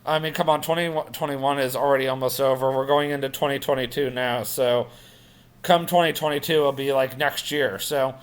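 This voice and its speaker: A man's voice: mid-range voice, steady tone, brisk, smooth. A man in his late twenties rambling through a casual personal vlog update, full of fillers and self-corrections. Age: 20s. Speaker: vlogger.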